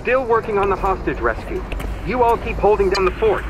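A man's voice: high-pitched, sing-song, a little fast, very noisy. A man playing an earnest, helpful rescuer sidekick in a video game, giving brief reports. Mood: earnest, pressed. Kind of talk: video game character acting. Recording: loud music behind.

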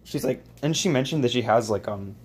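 A man's voice: medium pitch, fairly quick, breathy edge. Mumbling, swearing young man. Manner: crude, swearing, mumbling, offhand. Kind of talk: rambling casual vlog while cooking. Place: home kitchen, indoors. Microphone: phone camera held and moved around.

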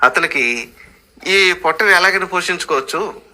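A male pastor preaching with animated storytelling. His voice is very bright and sharp and sits a bit high. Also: moderate pace. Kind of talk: sermon.

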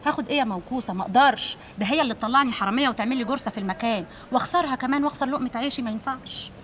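A woman's voice: fairly high pitch, very fast, a bit bright, close to an everyday voice. An actress with an Egyptian accent playing a streetwise, bossy, teasing saleswoman in a TV drama. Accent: Egyptian Arabic. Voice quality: brash, teasing. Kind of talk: TV drama acting. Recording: distant mic with faint background noise.

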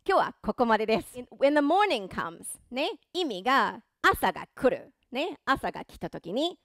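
A woman's voice: fairly high pitch, sing-song, unhurried, a bit bright, dry recording, studio quality. A woman teaching English pronunciation through a song, speaking in an encouraging, playful way and joking about her own voice. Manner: encouraging, playful, self-deprecating. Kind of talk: pronunciation and singing lesson.

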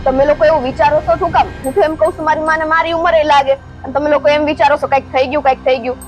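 A woman's voice: sits high, steady tone, rapid-fire. A young woman argues back and pleads. Faint music plays behind her lines in this village drama. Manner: protesting, pleading. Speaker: daughter-in-law. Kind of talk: village family drama acting.

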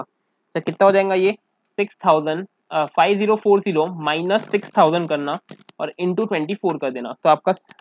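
A commerce teacher with a high voice gives a casual accounting lesson, working sums aloud in a mix of Hindi and English. He keeps calling the listener "sir" and asks check questions to see if students follow. The recording is dull, dry, and muffled.

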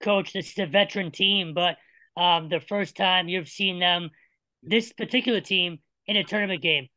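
Bright-voiced reporter asking questions. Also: male voice, high voice, moderate pace, dry recording, low-quality recording. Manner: friendly, hesitant questions with fillers. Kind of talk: press conference questions.

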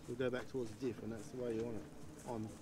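A man's voice: medium pitch, flat delivery, very fast. An Australian man fixing a vehicle outdoors, casually calling out directions to a driver. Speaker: off-road vlogger. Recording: loud engine and outdoor noise.

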